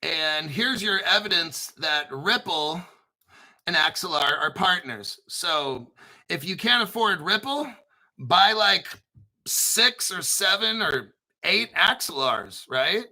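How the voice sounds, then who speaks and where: A man hosting an informal crypto commentary, talking through articles in an excitable, sarcastic way, swearing and often clearing his throat. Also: high-pitched, slow, poor audio. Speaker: crypto video host.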